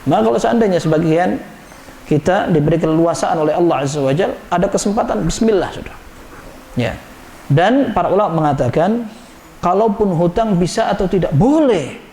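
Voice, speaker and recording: A man giving a lively mosque sermon, acting out quoted villagers along the way. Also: sits high, brisk, slight background noise. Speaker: ustadz giving a mosque lecture. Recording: echoey mosque room.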